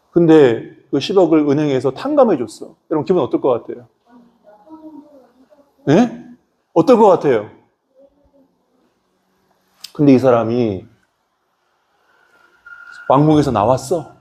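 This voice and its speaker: A male pastor preaching a sermon in an animated way, constantly asking the congregation questions. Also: mid-range voice.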